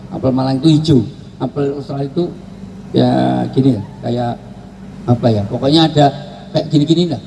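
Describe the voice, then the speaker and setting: A man's voice: medium pitch, slight background noise, rough recording. A man preaching a humorous sermon to a live gathering, joking and acting out quoted voices. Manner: joking, animated, acts out quoted voices and shouts.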